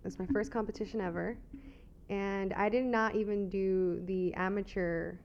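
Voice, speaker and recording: A young woman from the United States chats as a guest and figure competitor, dropping plenty of "like" and laughing easily. Her mid-range voice is steady and darkish at a normal speed, with a lo-fi sound.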